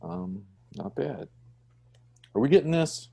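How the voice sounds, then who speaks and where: A man's voice: mid-range voice, lively intonation, slow pace, vocal fry, mellow, husky. A man teaching an online design class over a video call, chatty and checking in with "right?". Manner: conversational, often checks with "right?".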